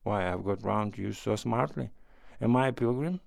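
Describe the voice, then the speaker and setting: A sly, threatening thief who mocks his victim, read by a man in a low, gravelly voice. The delivery is dry and close. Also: moderate pace, darkish tone, no room sound. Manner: mocking, threatening. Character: sly menacing male thief posing as pilgrim.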